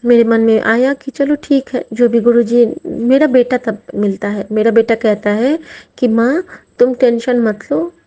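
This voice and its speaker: A woman's voice: on the high side, steady tone, moderate pace, warm tone, highs cut off. A middle-aged woman from Mithila, sharing a heartfelt devotional testimony and often addressing her listeners as sangat ji. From Mithila region, India.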